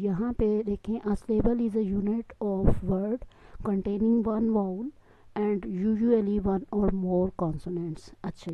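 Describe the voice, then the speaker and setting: A woman's voice: medium pitch, dry recording. Woman teacher, patient step-by-step explainer, close dry sound, a bit dull. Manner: explains patiently, mixing Hindustani and English, checks with "theek hai ji". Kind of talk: classroom lesson explanation. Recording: dull lo-fi recording.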